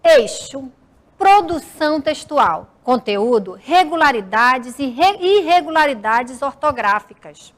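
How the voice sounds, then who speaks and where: A woman from the region of Brazil, a teacher giving a recorded school lesson, talking slowly and deliberately and drawing out words for her students. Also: high voice, animated.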